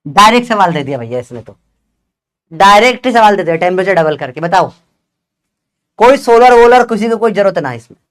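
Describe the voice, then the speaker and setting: A young man, teaching a live online physics class and teasing and coaxing students to answer fast. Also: sits high, sing-song, a bit bright.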